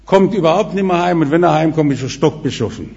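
Man, preacher, emphatic sermon, higher-pitched voice, dull echoing church hall recording. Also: lively intonation, quick pace, vocal fry, a little mellow. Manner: emphatic, varies volume and pace widely.

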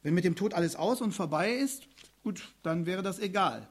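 Earnest high-voiced male preacher. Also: animated, moderate pace, husky. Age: middle-aged or older. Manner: earnest, addresses listeners directly. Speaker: pastor. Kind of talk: sermon.

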